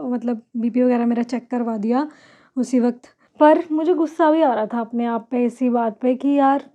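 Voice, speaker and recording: A woman's voice: fairly high pitch, mellow, dull audio. A young woman, chatting casually to camera in her bedroom and slipping English words into her talk. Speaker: vlogger.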